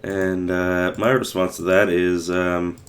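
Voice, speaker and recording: Playing a game on stream, a young man chats with his viewers in meandering commentary full of fillers and false starts. He speaks slowly in a level tone, his very low voice hoarse and fading.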